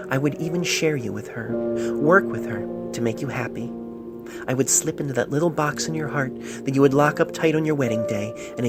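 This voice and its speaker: Recorded on a phone, an amateur narrator with a medium-pitched voice plays a loving, sentimental pony. The performance is lightly acted as the pony reads a love letter earnestly and tenderly.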